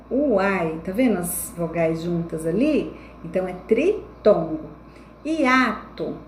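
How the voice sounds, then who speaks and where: A young woman teacher giving a recorded online lesson to children, explaining slowly and checking in with frequent tag questions. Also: mid-range voice, darkish tone. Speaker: primary school teacher. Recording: echoey room with faint background noise.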